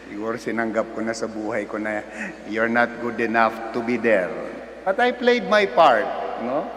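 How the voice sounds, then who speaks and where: A man's voice: mid-range voice, a bit bright. A man with a Filipino accent, a priest leading Mass and preaching a homily in a large church, his voice carrying a cathedral echo. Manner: slow, measured liturgical delivery, switching between languages in the homily. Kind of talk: celebrating Mass and giving a homily. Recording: long church reverb, faint room noise.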